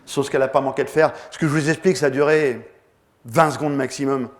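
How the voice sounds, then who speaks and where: A man's voice: medium pitch, fairly even intonation, fast. A man giving a motivational talk, telling his story vividly and acting out the scenes. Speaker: motivational speaker.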